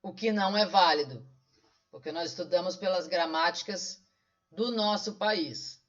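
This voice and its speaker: A man's voice: high-pitched, a little slow, fairly bright tone. A man with a Brazilian accent working through exam questions as a teacher. He is didactic and poses questions, then answers them himself. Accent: Brazilian Portuguese. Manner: didactic, asks and answers his own questions. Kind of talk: online exam-solving lesson. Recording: dull lo-fi sound.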